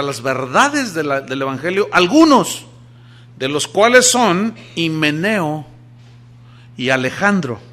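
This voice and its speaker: A man, a pastor, preaching a sermon, moving between loud emphatic lines and quiet asides while acting out quoted voices. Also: a little high.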